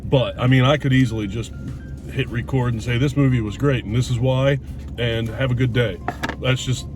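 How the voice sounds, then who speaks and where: Recorded from a distance, this medium-pitched man is a middle-aged YouTuber chatting over a meal. His talk to camera and his dining companion is casual and frank, thoughtful, with some swearing.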